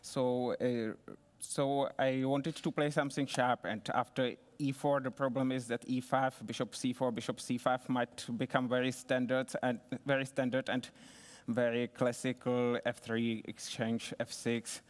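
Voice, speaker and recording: A man speaking as a chess player and interview guest, explaining his game move by move in a halting, methodical way. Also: mid-range voice, level tone. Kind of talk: post-game analysis. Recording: reverberant hall acoustics.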